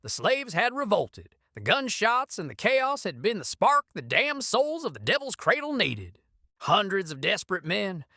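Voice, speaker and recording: A woman's voice: medium pitch, sharp tone, no echo, clean studio sound. A woman narrating a frontier adventure story in an intense, scripted style.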